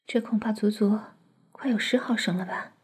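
A woman voicing a flirtatious, teasing sister-in-law in an intimate audio roleplay, speaking in a breathy close whisper. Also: medium pitch, steady tone, moderate pace. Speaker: voice actress in an adult audio roleplay.

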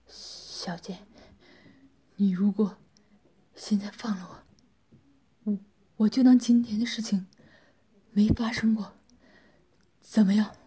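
A woman voicing a hot-tempered captive young man who shouts curses and later pleads, out of breath. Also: medium pitch, steady tone, slow pace, long pauses, breathy edge. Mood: pleading.

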